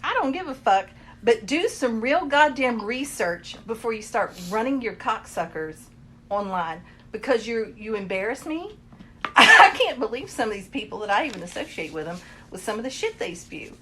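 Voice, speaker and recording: A woman's voice: on the high side, sing-song, moderate pace, sharp tone, a little hiss or hum. Heated, profane woman ranting. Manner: profane, heated, mocking voices. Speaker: podcast co-host. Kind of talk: casual ranting chat.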